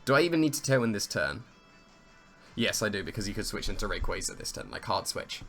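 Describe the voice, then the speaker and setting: Speaking at a quick pace with big swings in pitch, a man with a fairly low, fairly bright, slightly hoarse and croaky voice calls his own competitive match. It's casual play-by-play where he thinks aloud, weighs his options and laughs at his own plays, with soft music behind him.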